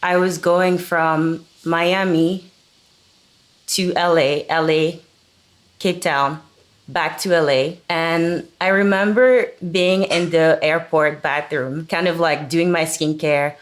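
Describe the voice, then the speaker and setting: A young woman with a notably low voice talks on a video-call panel. She is a model and sounds casual and relaxed. She says "like" a lot. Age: young adult. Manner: casual, with frequent "like". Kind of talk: panel discussion.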